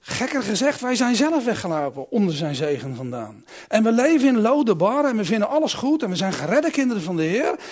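A male preacher delivering a sermon with a fairly high, lively voice that leaps up and drops back down. He puts questions straight to his congregation. He moves between loud, emphatic calls and quiet, thoughtful asides. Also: a little fast. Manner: asks the congregation direct questions.

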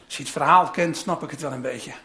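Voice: medium pitch, a little fast, bright, forceful tone, a little hiss or hum. A preacher giving a sermon, telling the story dramatically and dropping in casual asides to the listeners.

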